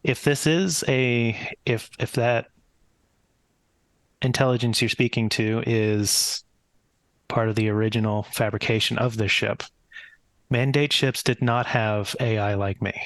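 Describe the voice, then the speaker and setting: A man playing a tabletop game, reasoning through it in a measured, analytical way. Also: medium pitch, fairly even intonation, no echo. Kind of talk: in-game discussion.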